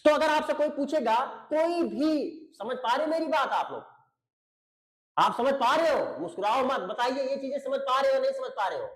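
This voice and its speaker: Echoey, patient teacher. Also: male voice, very high voice, expressive, normal speed. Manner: explains patiently, repeats points, checks understanding; addresses students fondly as beta and babu. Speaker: English teacher. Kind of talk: online video lecture.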